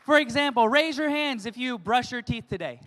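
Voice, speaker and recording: A woman's voice: on the high side, lively intonation, moderate pace, fairly bright tone. A woman giving a motivational stage talk in short chunks, often checking in with the audience with "yes?". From United States. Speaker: motivational speaker at a business event. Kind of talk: stage speech with consecutive interpretation. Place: large hall stage. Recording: hall with long reverb.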